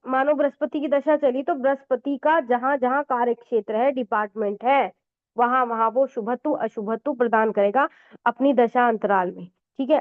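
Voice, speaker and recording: A woman astrologer giving a conversational astrology lesson, explaining with frequent fillers and mixed-in English words. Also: a little high. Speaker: Vedic astrologer teacher. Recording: tinny phone-like audio.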